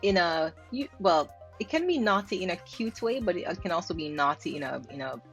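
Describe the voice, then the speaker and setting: A Jamaican linguist hosts, her fairly low, sing-song voice moving a little fast over faint music. She explains pronunciation while reacting to clips, saying words aloud to demonstrate their sound and laughing lightly.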